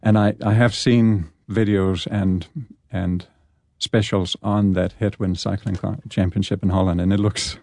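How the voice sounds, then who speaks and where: A man, a guest chatting in a relaxed way in an interview. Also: deep voice, a little slow, vocal fry, few pauses, no echo. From Denmark. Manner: relaxed, chatty, repeats words as he goes. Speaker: guest, orchestral percussionist. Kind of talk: casual radio interview chat.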